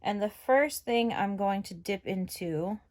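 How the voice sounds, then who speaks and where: Testing makeup on camera for a casual tutorial, a young New York woman talks in a chatty, rambling way full of fillers. Her accent is general northeastern American, and her mid-range voice is a little slow.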